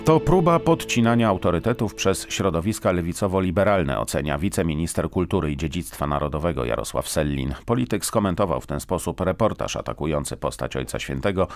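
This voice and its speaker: A man's voice: sits low, a little fast, few pauses, dry recording, soft background music. A man reading a formal radio news bulletin in a studio. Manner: steady, formal newsreading.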